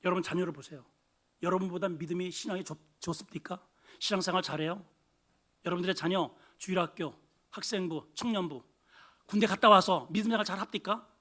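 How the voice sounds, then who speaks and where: Man, pastor, sermon, very bright sharp tone, dramatic loud-to-hushed delivery. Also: high voice, fairly quick. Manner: dramatic, swings from loud exclaiming to hushed asides, acts out voices. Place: church sanctuary.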